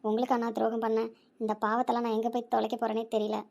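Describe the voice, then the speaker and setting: A woman voicing a quiet, guilt-ridden young wife who speaks in a low, sorrowful way. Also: little pitch movement, very fast, vocal fry.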